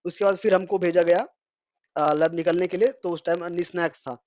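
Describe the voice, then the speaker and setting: A man's voice: high-pitched, fairly even intonation, brisk, a little mellow, no echo. A young man from India casually recounting his day in a vlog, chatty and rambling with fillers. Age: young adult. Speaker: vlogger.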